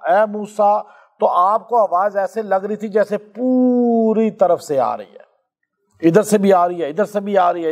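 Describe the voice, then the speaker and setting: Male preacher from Pakistan, high voice, storytelling sermon delivery, slows for recited verses. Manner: storytelling, asks listeners questions, slows down for recited scripture.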